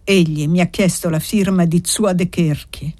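A woman's voice: on the low side, steady tone, moderate pace, warm tone, no echo, clean studio sound, close to an everyday voice. A woman voicing a proud, desperate young man in an audiobook, reading with bitter passion.

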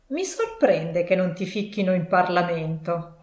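A woman's voice: fairly low pitch, lively intonation, a little slow, darkish tone. A woman reading as a curt, scornful old miser. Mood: gruff. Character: miserly grumpy old man, cold and sarcastic. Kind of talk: audiobook reading. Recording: roomy echo.

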